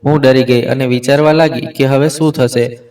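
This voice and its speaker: A man reading a scripted first-person family story in an even, steady way. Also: medium pitch, moderate pace, distant mic, poor audio.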